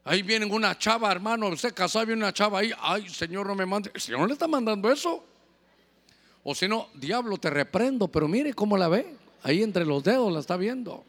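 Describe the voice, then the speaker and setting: A man preaching in a long-echoing church hall. His voice sits high and rings bright and forceful. He moves from fervent, building declarations to easy, joking asides to the congregation. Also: animated, brisk. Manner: impassioned preaching mixed with chatty asides to the congregation. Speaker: pastor. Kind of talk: sermon.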